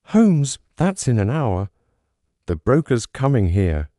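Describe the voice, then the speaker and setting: A man's voice: medium pitch, very animated, slow pace, no room sound, clean studio sound. A man doing an anxious, loyal army doctor. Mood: urgent. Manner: urgent and hushed.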